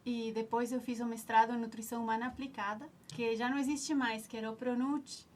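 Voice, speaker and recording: A slightly mellow, a-little-high voice, fairly quick and with little pitch movement, comes through over a faint hiss. The speaker, a nutritionist and alumna from Ecuador in her forties with a native Spanish accent, reminisces in an interview and keeps restarting as she gropes for words.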